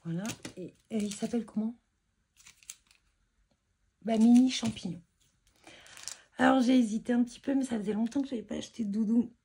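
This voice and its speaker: A woman's voice: a little high, fairly quick, long pauses, warm tone, husky. A woman chatting casually as she shows her craft purchases, hesitant and full of fillers and restarts. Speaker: scrapbooking vlogger showing purchases. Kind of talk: casual show-and-tell chat.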